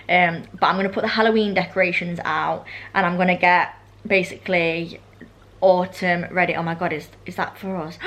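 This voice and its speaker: A woman's voice: lowish voice, pushed and bright. A young British woman chatting casually and ramblingly in a vlog, her speech slightly slushy from braces with elastic bands. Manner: rambling, self-interrupting, informal. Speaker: vlogger.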